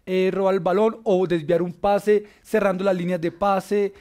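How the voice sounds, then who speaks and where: High-voiced Colombian man hosting. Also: level tone, normal speed, darkish tone. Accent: Colombian Spanish. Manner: enthusiastic, many filler "eh"s. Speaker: sports show host. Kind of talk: casual basketball panel talk.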